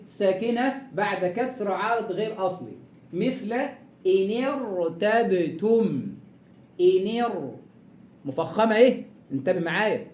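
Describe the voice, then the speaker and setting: A man with an Egyptian accent teaching Quran recitation rules, stretching out example words slowly and quizzing the listener. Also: sits high, darkish tone, roomy sound. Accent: Egyptian Arabic. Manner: drawn-out slow repeating of example words, quizzing questions. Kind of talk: tajweed lesson.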